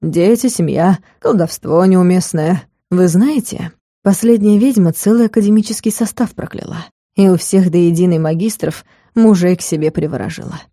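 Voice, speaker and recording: A woman's voice: on the low side, mellow, no room sound, clean studio sound. A woman voicing a cold, weary male rector. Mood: cold stern. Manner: slow, measured, icy. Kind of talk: audiobook character voice.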